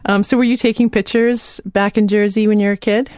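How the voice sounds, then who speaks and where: A woman's voice: mid-range voice, flat delivery, fairly quick, a little mellow, no room sound, clean studio sound. A young adult woman hosting a podcast interview, friendly, chatting and laughing easily. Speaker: podcast host. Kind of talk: conversational interview.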